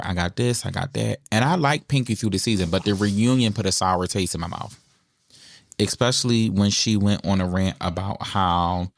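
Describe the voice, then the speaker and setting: A man's voice: low-pitched, no echo, clean studio sound. A man co-hosting a casual gossip podcast, blunt and opinionated as he rants about reality TV drama. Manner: blunt, opinionated, animated ranting. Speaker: podcast co-host.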